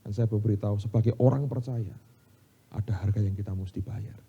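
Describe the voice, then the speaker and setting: A middle-aged man with an Indonesian accent preaching from the pulpit, swinging between loud bursts and quiet asides as he tells stories to his congregation. His voice is dark and a little husky. The recording sounds somewhat dull and lo-fi. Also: on the low side, brisk. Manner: animated storytelling, addresses congregation as "saudara". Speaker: pastor. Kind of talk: sermon. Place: church sanctuary.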